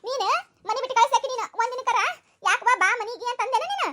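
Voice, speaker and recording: A woman's voice: very high-pitched, fast, sharp tone. Woman doing a melodramatic village mother-in-law. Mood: complaining. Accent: North Karnataka Kannada. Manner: melodramatic, complaining, wailing. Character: wailing, self-pitying village mother-in-law. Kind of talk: comedy skit.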